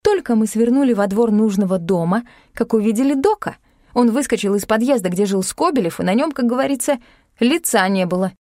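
A woman's voice: fairly high pitch, lively intonation, brisk, darkish tone, dry recording. A woman narrating a first-person audiobook in a wry, sardonic way, close to the mic.

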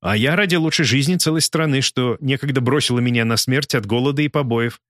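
Guy doing a cruel gloating villain for an audiobook, mocking and shrill, dry close mic. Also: fairly quick, a bit bright, no room sound, close to an everyday voice. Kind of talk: audiobook character voice.

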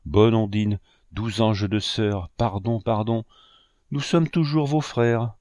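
A man's voice: lowish voice, slow pace, darkish tone, dry recording, clean studio sound. A man reading aloud, voicing a group of young male painters pleading for forgiveness. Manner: pleading, fervent. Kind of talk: audiobook reading.

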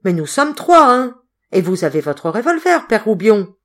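A woman reading an audiobook, voicing a bold man who talks gruffly and scornfully. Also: lowish voice, lively intonation, unhurried, darkish tone.

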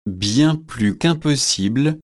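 A stiff young man who is easily shocked speaks in a storybook, voiced by a man reading aloud. He talks slowly and with measured care. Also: medium pitch, animated, dry recording, clean studio sound. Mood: indignant. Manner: slow, measured delivery.

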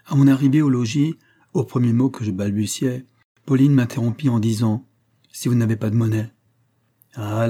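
A man reading a classic novel aloud as an audiobook, in a measured first-person storytelling voice. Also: medium pitch, dark tone, slightly rough. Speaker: audiobook narrator.

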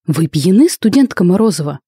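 A woman's voice: on the low side, sing-song, a little fast, warm tone, slightly rough, dry recording, clean studio sound, heavily acted. A woman voicing a sleepy, stern male academy rector who lectures in formal, admonishing tones. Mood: scolding.

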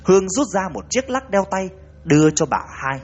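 A man's voice: very animated, moderate pace, a little mellow. A man reading a ghost story aloud, raising his voice for the frightened women's lines. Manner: reads dialogue with raised, urgent pitch for women's lines. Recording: dull lo-fi recording.

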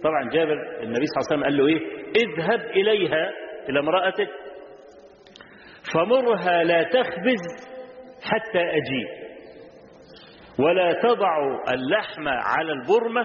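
Egyptian preacher in an echoey hall. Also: male voice, a little high, lively intonation, fast talker, a little hiss or hum. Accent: Egyptian Arabic. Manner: colloquial, explains classical words in dialect, asks rhetorical questions. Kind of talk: sermon storytelling. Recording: echoey hall, muffled lo-fi audio.

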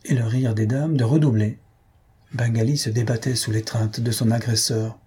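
Husky-voiced man narrating a story. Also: medium pitch, fairly even intonation, warm tone. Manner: measured storytelling. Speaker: audiobook narrator. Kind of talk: scripted narration of a comic novel.

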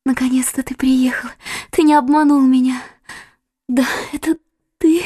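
An actress in an audiobook voicing a tender, fragile young woman who speaks softly and breathily. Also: high voice, steady tone, measured pace, dry recording, clean studio sound. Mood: joyful. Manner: soft, breathy, fading. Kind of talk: audiobook character voice.

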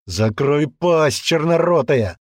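A man voicing a hot-tempered, brutish young man who rants and yells threats in an audiobook. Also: on the high side, animated, takes it slowly, dry recording, studio quality, voice pushed up. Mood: angry. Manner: aggressive ranting, yelling threats. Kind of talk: audiobook character voice.

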